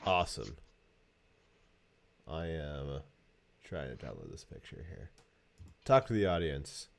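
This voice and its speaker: A man co-hosting a casual livestream show, relaxed and chatty, cooing over animal pictures. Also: rumbling low, slow pace, creaky, a little hiss or hum. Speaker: podcast co-host.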